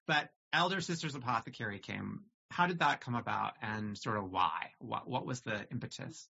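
A man hosts a casual interview with open enthusiasm. His voice is husky, with a bright, forceful edge. The recording is slightly dull and lo-fi. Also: mid-range voice, normal speed. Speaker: podcast host.

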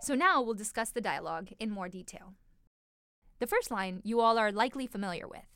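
A woman's voice: medium pitch, animated, a little fast, fairly bright tone, clear, resonant tone, dry recording, studio quality, soft background music. A woman co-hosting a language lesson, conversational and explanatory in her delivery. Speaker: Urdu lesson podcast host. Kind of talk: casual co-hosted language lesson.

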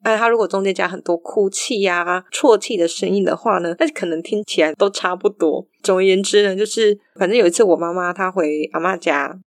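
A young adult woman with a Taiwanese Mandarin accent, telling stories in a casual, animated monologue and acting out the voices she quotes. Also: on the low side, brisk, few pauses, no room sound, studio quality.

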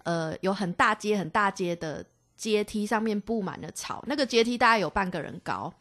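A young woman with a Taiwanese Mandarin accent tells a story as a podcast co-host, animated and chatty. Her voice sits at an ordinary middle pitch, and she breaks off and restarts her sentences often. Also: moderate pace. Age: young adult. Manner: animated, laughing, many fillers and restarts. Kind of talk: casual storytelling chat.

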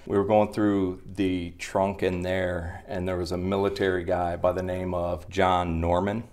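A man working as a paranormal investigator, talking casually and haltingly about his findings. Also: low voice, level tone, a little mellow. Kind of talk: casual interview.

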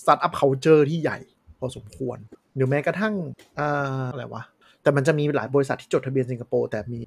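A man's voice: medium pitch, normal speed, husky. A man co-hosting a podcast in casual chat, frankly explaining things with examples. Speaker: podcast co-host.

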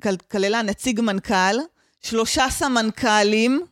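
A woman's voice: a little high, dry recording, clean studio sound. A woman with an Israeli accent explaining in casual conversation as a guest expert, mixing in English professional terms. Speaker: guest expert on training development and change management.

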